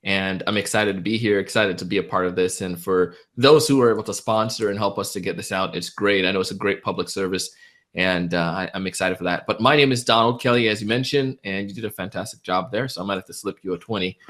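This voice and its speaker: A low-voiced man who grew up in Jamaica speaks as the guest in an interview over a video call. He talks with enthusiasm and energy, like a practiced speaker telling his story. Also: fast, fairly bright tone. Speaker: public speaking champion guest. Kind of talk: webinar interview.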